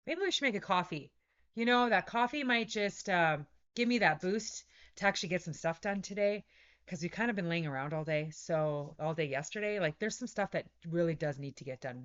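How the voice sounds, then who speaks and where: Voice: medium pitch, fairly bright tone, dull audio. A wellness channel host in a casual, rambling monologue to camera, often checking in with "right?" and acting out the voices in their own head. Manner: rambling, self-correcting, keeps asking "right?"; voices own inner thoughts in quotes.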